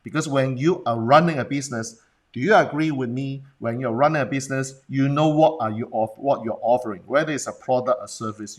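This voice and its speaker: Hong kong accented guy coaching on a live stream, blunt, mid pitch, keeps asking the viewers stuff. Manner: rhetorical questions and check-ins with the audience. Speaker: business presentation coach.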